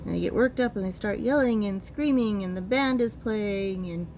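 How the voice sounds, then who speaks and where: A woman's voice: mid-range voice, normal speed, slight background noise. Woman telling a rambling family story. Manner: relaxed, rambling storytelling with repeated "and"s.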